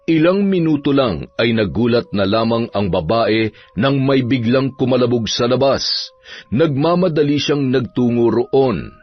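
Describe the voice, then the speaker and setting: A man narrating a dramatic family story in a steady scripted reading. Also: mid-range voice, measured pace, no echo. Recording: dull audio, soft music behind.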